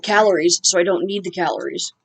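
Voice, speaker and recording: A woman's voice: on the low side, fairly quick, gravelly, breathy edge. A woman in her forties hosting an unboxing vlog, chatting casually and joking, laughing often. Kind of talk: casual chat.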